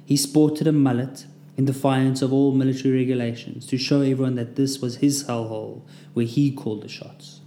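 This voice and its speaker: A man's voice: mid-range voice, flat delivery, fairly quick, hardly any pauses, mellow, slight background noise. A man narrating his own war memoir in a vivid, dramatic storytelling manner. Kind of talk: scripted first-person memoir narration. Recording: roomy echo.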